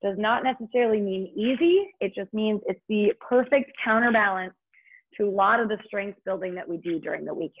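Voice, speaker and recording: A woman's voice: mid-range voice, lively intonation, fairly quick, slightly rough. A woman leading an online workout as an aerobics instructor, giving short, encouraging cues and countdowns in an upbeat way. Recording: muffled, band-limited online stream audio.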